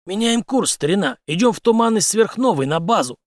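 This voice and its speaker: A man's voice: high-pitched, animated, brisk, a little mellow, no room sound, clean studio sound, voice pushed up. A man voicing a confident, mocking male special-forces commander who speaks in a cool, menacing way. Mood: coolly menacing.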